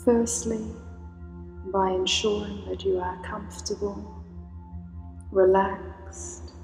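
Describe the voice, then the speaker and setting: This meditation guide is a woman whose medium-pitched, creaky voice moves slowly and calmly as she softly calls upon healing energies. She keeps her pitch mostly flat, and faint music plays beneath a long, roomy reverb.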